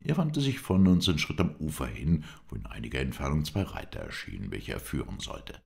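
Male audiobook narrator, extremely deep voice, gravelly, lively intonation, storytelling read. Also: brisk. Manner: even, storytelling delivery. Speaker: audiobook reader. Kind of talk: audiobook narration of an adventure novel.

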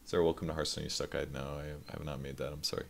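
Deep gravelly male streamer. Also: flat delivery, racing. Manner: self-deprecating, swears casually. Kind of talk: casual gameplay commentary.

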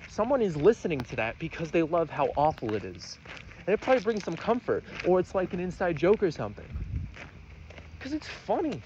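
A man's voice: high-pitched, big pitch swings, a little fast, a little mellow, lo-fi sound, a little hiss or hum. A man rambling through a casual, profane monologue while walking outdoors on roads. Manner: rambling, profane, self-mocking. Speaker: vlogger.

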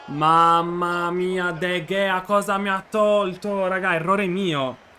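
Young guy w a sore dry throat yelling over his football game, bright sharp voice kinda high. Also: fairly even intonation, slow pace. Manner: swings from muttering to shouting at goals. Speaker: gaming video creator. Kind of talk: excitable football game commentary.

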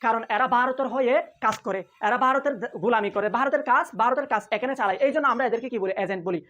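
High-voiced fast woman teacher. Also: fairly bright tone, muffled recording. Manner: repeats key points and asks the listener rhetorical questions. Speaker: English grammar teacher. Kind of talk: spoken grammar lesson.

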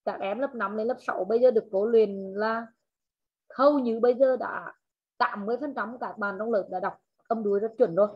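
Husky-voiced woman teacher drilling pronunciation. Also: a little high, muffled recording. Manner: models words slowly and repeats them, corrects students. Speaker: English teacher. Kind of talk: online class, pronunciation drill. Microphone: video call.

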